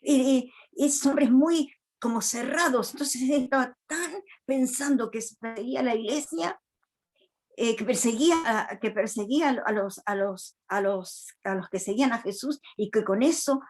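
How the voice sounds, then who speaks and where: A woman's voice: fairly high pitch, unhurried, a little mellow. A woman preacher giving a sermon in a church, retelling a Bible story in a reflective, earnest way.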